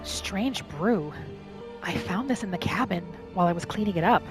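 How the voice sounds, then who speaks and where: A roleplay gaming host narrates an in-character story over background music, musing gently yet animatedly. Her voice is medium-pitched with vocal fry, at a moderate pace.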